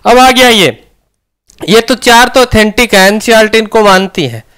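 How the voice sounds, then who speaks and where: A man's voice: high voice, animated, normal speed, a bit bright, clear, resonant tone. A man with a Rajasthani Hindi accent teaching a grammar lesson, often asking questions and answering them himself.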